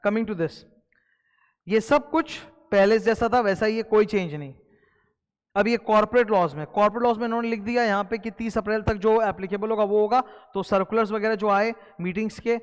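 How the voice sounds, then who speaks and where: A man with an Indian accent and a notably high voice, teaching exam candidates in a casual lecture. He talks to students directly, mixing in English terms and repeating key points. His voice rings with a long reverb in the room. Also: clear, resonant tone. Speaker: exam tutor. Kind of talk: recorded lecture explaining a syllabus.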